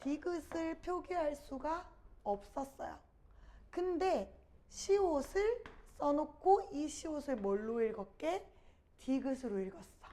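Woman teacher, high voice, lectures students and answers her own questions. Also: expressive, slow, warm tone. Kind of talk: Korean grammar lecture.

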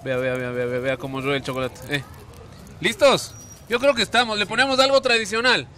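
This lively on-location TV host sits high in pitch, talking briskly with animated intonation and a pushed, bright tone. In his thirties and speaking with an Ecuadorian Spanish accent, he holds a handheld mic and coaxes playfully, repeating words often, in a hotel kitchen and on a street with traffic and ambient street noise.

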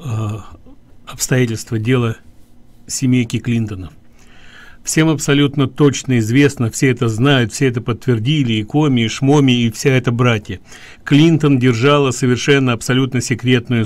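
A man co-hosting a call-in radio show, arguing his points emphatically with rising indignation. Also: medium pitch. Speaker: radio co-host. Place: radio studio.

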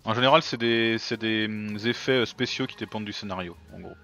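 A man hosting a let's-play video, chatting casually as he plays and thinking out loud with plenty of fillers. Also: fairly low pitch, a little fast, creaky, lo-fi sound, soft background music. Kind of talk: casual gameplay commentary.

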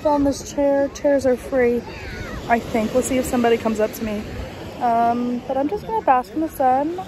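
A young woman chats excitedly into a handheld phone camera as she wanders a hostel and a beach, her voice a touch high. She swears casually and drops to a hushed whisper when indoors. Clear ambient noise runs under the whole recording. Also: moderate pace. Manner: often drops to a hushed whisper in shared rooms. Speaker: travel vlogger. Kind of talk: casual travel vlog.

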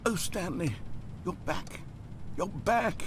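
A man's voice: high voice, lively intonation, slow pace, a little hiss or hum, full character voice. An actor playing a lonely, long-winded male narrator in a video game, dramatic and theatrical. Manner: theatrical storyteller, swings from pleading to ranting.

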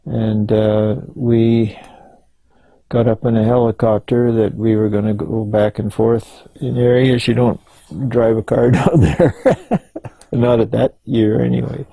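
An older man telling stories in an oral history interview, halting and rambling, with many restarts. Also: medium pitch, flat delivery, gravelly, dark tone, dry recording, poor audio. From Canada.

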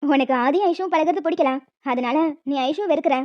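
Woman voicing a gentle, wise aunt. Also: high voice, brisk, no echo, voice pushed down, lightly acted. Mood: advising. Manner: gentle, advising, calm. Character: kind, wise middle-aged aunt. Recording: dull lo-fi audio with music.

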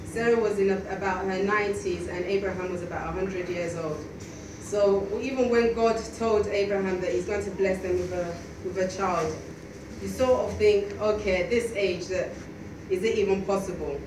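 A woman's voice: mid-range voice, steady tone, normal speed. A young adult woman preaching a sermon at a lectern in a small church, in a conversational way with many fillers and restarts. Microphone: stand mic at a lectern, filmed by a far camera. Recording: echoey hall from far off, noisy.

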